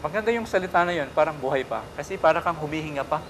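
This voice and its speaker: A man, a priest giving a casual spiritual talk, gentle and teaching, often checking in with his listener. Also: fairly high pitch, animated, rapid-fire, slight background noise.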